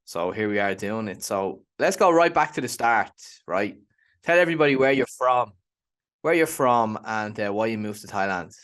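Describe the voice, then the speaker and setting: A man's voice: lowish voice, expressive, moderate pace, fairly bright tone. A man hosting an interview show, chatting in a friendly, upbeat way. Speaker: podcast host and interviewer. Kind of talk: casual interview.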